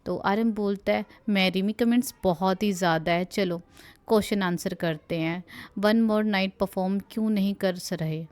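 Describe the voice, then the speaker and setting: A young woman narrates a live stream for her viewers, relaying each line in an easy, chatty tone. She keeps slipping into laughter and asides as she reads. Her pitch sits in an ordinary middle range. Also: steady tone, moderate pace, darkish tone, clean tone. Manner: giggly, chatty, breaks into laughter while reading. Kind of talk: casual retelling, reading quotes aloud.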